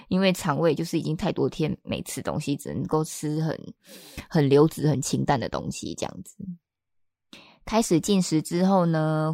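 A woman, hosting a podcast and telling a personal story in a chatty, expressive way. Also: low voice, creaky, no room sound, clean studio sound. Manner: chatty and expressive, acts out the people she quotes. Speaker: podcast host.

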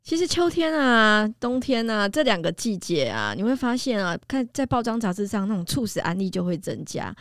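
A woman, a nutritionist hosting a chatty health talk and sharing personal stories, with many drawn-out sentence particles. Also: mid-range voice, sing-song, no echo, clean studio sound. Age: 40s. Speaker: nutritionist host.

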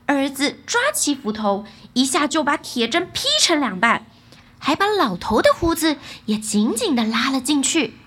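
A woman narrating a children's bedtime fairy tale in a lively, expressive way. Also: high voice, normal speed. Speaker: storyteller.

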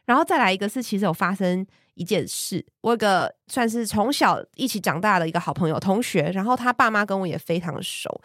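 Fast, animated storyteller woman. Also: medium pitch, dry recording, studio quality. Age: 30s. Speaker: podcast co-host. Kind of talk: casual chat, personal storytelling.

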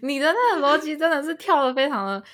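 A woman's voice: high voice, sing-song, fast, a bit bright, a little hiss or hum. A woman hosting a podcast, chatting expressively and laughing easily. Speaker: podcast host. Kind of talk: casual chat.

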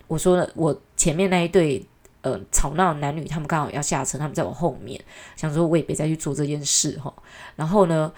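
Woman vlogger, Taiwanese Mandarin accent, lower-pitched voice, chatty and exasperated storytelling. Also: a little mellow. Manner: chatty and exasperated, with mocking asides. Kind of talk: casual storytelling rant.

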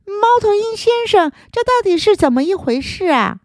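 High-voiced timid young frog, voiced by a woman, curious and eager. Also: very animated, moderate pace, dry recording, clean studio sound, exaggerated voice. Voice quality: high and wavering.

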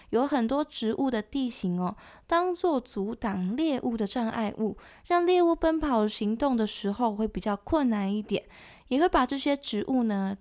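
With a voice on the high side, a woman hosting an animal education program reads scripted nature documentary narration. She explains things conversationally, using soft sentence particles.

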